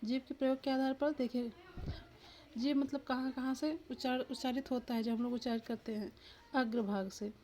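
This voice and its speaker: High-voiced woman teaching a lesson. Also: steady tone, normal speed, a little mellow, slight background noise. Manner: repeats questions to the viewer, drills sounds aloud. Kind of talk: exam-prep lesson.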